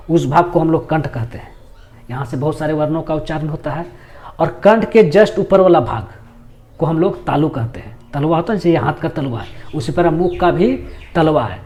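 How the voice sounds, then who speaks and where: A man's voice: fairly high pitch, darkish tone, a little hiss or hum. A man teaching a grammar lesson, patiently explaining and repeating key terms, asking questions and answering them himself.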